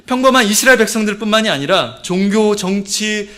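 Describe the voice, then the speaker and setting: A man's voice: sits high, animated, fairly quick, pushed and bright. A middle-aged man preaching a sermon as a pastor, emphatic and acting out stern warnings.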